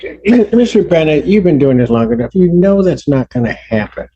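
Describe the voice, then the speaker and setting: A stern middle-aged male judge delivers measured, emphatic rulings from the bench. His voice sits a little high for a man. It comes through as a courtroom recording picked up by a bench microphone. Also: sing-song, warm tone, highs cut off. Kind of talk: courtroom proceedings.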